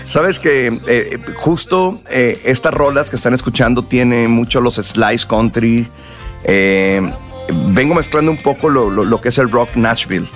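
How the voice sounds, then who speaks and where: Hungover Mexican singer, slangy and rambling. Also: male voice, mid-range voice, measured pace, soft background music. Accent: Mexican Spanish. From northern Mexico and South Texas. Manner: relaxed, slangy, rambling with many restarts. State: hungover and tired. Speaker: singer guest. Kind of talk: casual radio interview.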